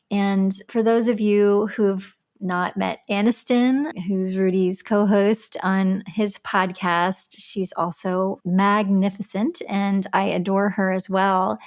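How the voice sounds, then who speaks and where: A woman hosting a podcast interview, responding with affirming remarks and gentle repetitions in casual chat. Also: mid-range voice. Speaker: podcast host.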